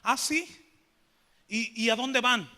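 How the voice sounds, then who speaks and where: Brief: menacing old sorcerer, put on by a preacher, blunt and confrontational, bright edge, church reverb. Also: male voice, high-pitched, expressive, normal speed, exaggerated voice.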